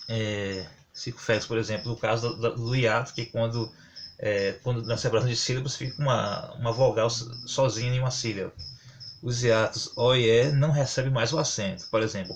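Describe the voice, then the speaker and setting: Male teacher, casual and halting explainer, mid-pitched, faint crickets behind. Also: a little hiss or hum. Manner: halting, many fillers and self-corrections, explains with examples. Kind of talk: casual spoken grammar lesson.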